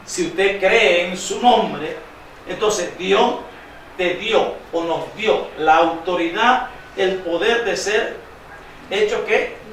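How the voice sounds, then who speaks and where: High-voiced preacher in an echoing church. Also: male voice, fairly bright tone, slight background noise. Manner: quizzes the congregation with call-and-response questions; reads scripture aloud slowly and emphatically. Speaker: pastor. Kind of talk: sermon. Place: church sanctuary. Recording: very echoey church hall, distant mic.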